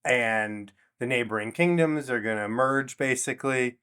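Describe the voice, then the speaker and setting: Man co-host, mid-pitch, wry and joking in a casual recap. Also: normal speed, bright, forceful tone, clean tone. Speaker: podcast co-host. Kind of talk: casual chat recapping a TV episode.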